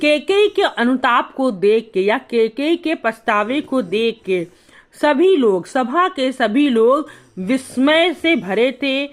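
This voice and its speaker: Slow, patient woman explaining Hindi verse. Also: high-pitched, very animated. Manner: recites verse lines then paraphrases them in plain Hindi. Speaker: teacher. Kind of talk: explaining a Hindi poem line by line.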